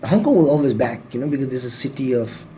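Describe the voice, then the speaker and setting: A man's voice: medium pitch, animated, fast, dark tone, slight background noise. A man hosting a podcast in casual chat, repeating words and phrasing things loosely. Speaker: podcast host.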